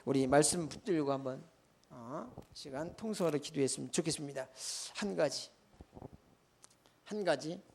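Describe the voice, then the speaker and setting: A man preaching a sermon as a church pastor, telling a story with animated swings between loud outbursts and quiet asides. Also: fairly high pitch, moderate pace, creaky, breathy edge.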